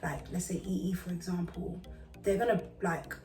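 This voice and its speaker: A woman's voice: fairly low pitch, steady tone, normal speed, warm tone, soft background music. A woman, giving emphatic advice in a casual chat. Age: 30s. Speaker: guest. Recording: roomy and distant from the mic.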